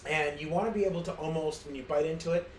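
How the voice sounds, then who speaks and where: A man's voice: a little high, fairly even intonation, fast talker. Middle-aged guy doing a home cooking show, rambly and amused at himself, lots of uh and um, echoey kitchen. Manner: rambling, self-amused, many fillers and restarts. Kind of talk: casual cooking demonstration. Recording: roomy kitchen with faint ambient noise.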